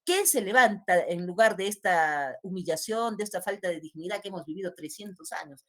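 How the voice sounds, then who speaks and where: A woman's voice: on the low side, fairly quick, fairly bright tone. A woman teaching literature, explaining a poem line by line and answering her own questions. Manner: asks questions and answers them herself, explains word meanings. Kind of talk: classroom lesson explaining a poem.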